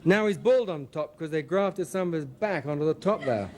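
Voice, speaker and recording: A man's voice: a little high, lively intonation, moderate pace. A man reading aloud from his own memoir in a wry, dry manner. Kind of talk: memoir narration.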